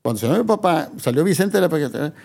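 A man's voice: fairly high pitch, animated, racing, darkish tone. An older man, a father chatting with his son and recalling old stories, often trailing off and starting over. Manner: rambling storyteller, trails off and restarts. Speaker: guest, father of the host. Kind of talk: casual reminiscing chat.

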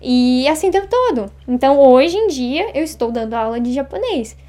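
A woman in her thirties from Brazil, chatting as an interview guest, talking fast and acting out little quoted exchanges. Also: sits high, expressive, dark tone. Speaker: interview guest, Japanese teacher. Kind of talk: casual interview chat.

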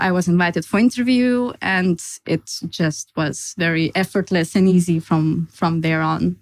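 A woman in her late twenties, originally from Lithuania and a native Lithuanian speaker, telling her career story on a podcast in an animated way. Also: on the low side, no room sound, poor audio. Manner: animated storyteller, acts out her own past thoughts, laughs easily. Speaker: Salesforce consultant, podcast guest. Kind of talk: casual interview storytelling.

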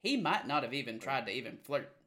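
A man's voice: mid-range voice, big pitch swings, fairly quick, sharp tone. A man co-hosting a casual sports podcast, talking hesitantly with fillers and trailing sentences. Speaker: podcast co-host.

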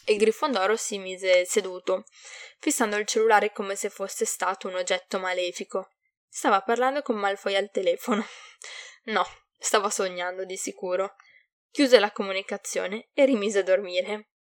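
A woman's voice: mid-range voice, dry recording. Woman reading a story aloud, dry sound. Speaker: fan fiction reader. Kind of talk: storybook narration.

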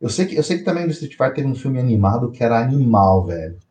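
A man co-hosting a podcast in casual chat, slangy and animated, often repeating himself. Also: medium pitch, fast talker, echoey room. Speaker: podcast co-host.

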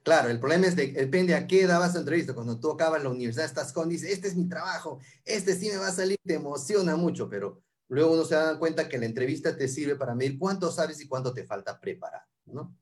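A man explaining English interview phrases, repeating each one slowly and clearly. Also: fairly high pitch, expressive. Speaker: English teacher guest.

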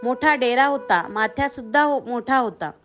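Woman, storybook narration, steady and measured, high voice, soft background music. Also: dull audio. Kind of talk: storybook reading.

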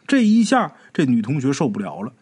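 Husky, animated male ghost storyteller. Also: mid-range voice, a little fast.

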